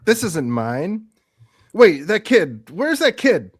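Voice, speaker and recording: A man playing an excitable, boastful washed-up space-show actor in a radio theatre piece, pleading insistently and repeating himself. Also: high voice, slow, no room sound, studio quality, heavily acted. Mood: excited.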